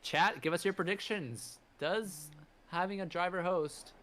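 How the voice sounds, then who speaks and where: A man's voice: high-pitched, unhurried, fairly bright tone. A man doing live motorsport race commentary, narrating the action play by play.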